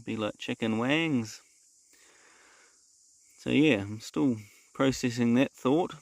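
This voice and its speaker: A man with a New Zealand accent and a gravelly voice, yarning casually and dryly like a laconic backcountry bushman as he talks through his trapping. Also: medium pitch, takes it slowly, darkish tone, no echo. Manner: laconic, dry-humoured outback bushman. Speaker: predator trapper and vlogger. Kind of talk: casual bush yarn to camera. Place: outdoors in the bush.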